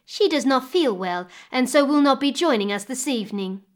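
A woman voicing a cruel, scheming stepmother who talks in a shrill, sharp and unkind way. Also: expressive, normal speed. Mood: spiteful.

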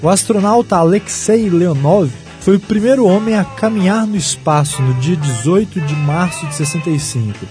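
A Brazilian man hosts with scripted historical narration. His voice sits a little high and his delivery is wry. Guitar music plays clearly behind him. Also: expressive, normal speed, few pauses. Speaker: narrator and host.

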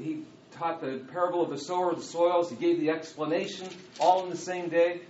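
Man, pastor, earnest sermon, frequent restarts, slightly high voice, echoey dull recording. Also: slight background noise. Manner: earnest, repetitive preaching with many restarts.

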